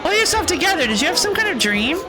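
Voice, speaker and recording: A woman's voice: very high voice, very animated, quick pace, a crowd in the background, pitched above the performer's own voice. A woman voicing a bossy, exasperated woman in a video game, scolding and earnest. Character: bossy, exasperated responsible sister and former manager. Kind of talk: reading video game dialogue aloud in character.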